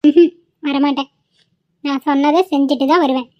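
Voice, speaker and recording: A high-voiced young wife, voiced by a woman in a homemade cartoon, earnest and set on keeping her word. The recording is dull and dry, with no room sound around the voice. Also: fairly even intonation, fairly quick, dry recording, natural voice. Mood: firm. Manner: pleading, earnest. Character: young wife, tearful yet stubborn. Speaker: voice actor. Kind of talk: amateur cartoon voice acting.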